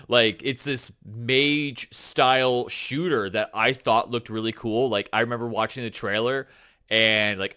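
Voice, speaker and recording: A man co-hosting a gaming podcast, talking in an excited, rambling way full of fillers. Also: medium pitch. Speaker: podcast co-host. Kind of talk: casual chat.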